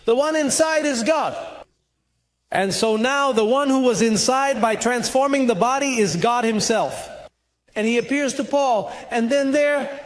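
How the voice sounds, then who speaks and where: A man's voice: very high voice, measured pace. A man preaching a sermon at a church conference, emphatic and full of rhetorical questions.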